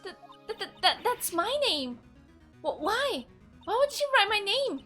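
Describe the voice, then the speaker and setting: A woman's voice: very high-pitched, sing-song, a little slow, pushed and bright, soft background music, voice pushed up, heavily acted. A woman voicing a frightened young woman who stammers and pleads, breathless and upset. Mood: shocked.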